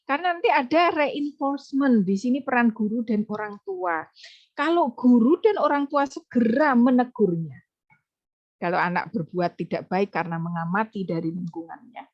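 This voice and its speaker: A woman giving an online lecture on child psychology in a lively way, acting out what parents say in a raised voice. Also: medium pitch, highs cut off. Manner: lively, acts out quoted parent lines in a raised voice. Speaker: webinar speaker on child psychology.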